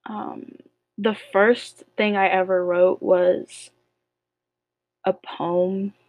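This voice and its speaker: A woman's voice: mid-range voice, little pitch movement, extremely slow, dry recording, narrow, tinny audio. A young woman co-hosting a casual podcast, playful and teasing with slangy banter. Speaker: podcast co-host. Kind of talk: casual chat game with a friend.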